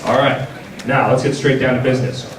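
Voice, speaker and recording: A man hosts a panel in a large indoor convention room, giving an informal product presentation with casual, wry jokes. His mid-range voice is fairly quick with fairly even intonation, picked up by a distant mic in a roomy space with an audible audience crowd and background noise.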